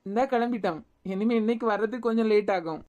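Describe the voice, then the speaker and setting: A woman voicing an easygoing young married man in a cartoon series, talking in a quick, offhand way with a Kanyakumari Tamil accent. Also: mid-range voice, a little mellow, dull audio, pitched below the performer's own voice, close to an everyday voice.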